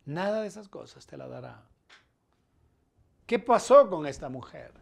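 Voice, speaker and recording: A middle-aged man with a Colombian accent preaching a sermon as pastor, his loudness rising and falling as he presses his points. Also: fairly high pitch, very animated, unhurried, gravelly. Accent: Colombian Spanish.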